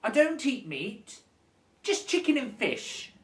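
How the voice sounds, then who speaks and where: A prissy, preachy vegetarian, smug about the virtue they claim, as a man mocks them in a high sing-song voice. The voice swoops up and down with exaggerated piety. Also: wildly swooping pitch, takes it slowly, echoey room, far from the mic, full character voice. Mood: prissy smugness.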